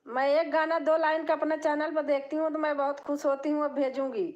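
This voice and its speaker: An older woman with a high voice chats away on her home live stream. She talks easily with her viewers and now and then sings a line of a folk song. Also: level tone, brisk, dull audio. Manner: chatty, warm-hearted, breaks into folk singing. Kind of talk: casual live chat with viewers.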